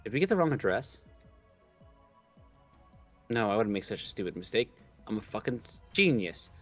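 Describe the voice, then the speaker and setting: Co-hosting a casual visual novel stream, a man reads the game's lines aloud between bouts of banter, joking, needling and swearing freely. His voice sits fairly low and swings widely in pitch at a moderate pace. Music plays behind him.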